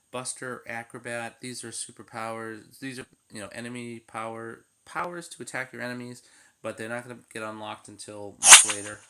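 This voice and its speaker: A man giving a casual, unscripted video walkthrough as an app demonstrator. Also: medium pitch. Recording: loud background noise and clicks.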